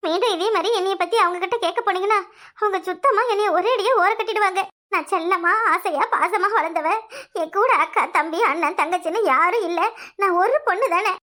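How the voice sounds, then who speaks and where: A woman's voice: very high voice, brisk, pushed and bright. A woman with a southern Tamil village dialect voicing a sly young newlywed who complains in a teary, sing-song way in a cartoon. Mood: self-pitying. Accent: southern Tamil Nadu village dialect. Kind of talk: cartoon voice acting.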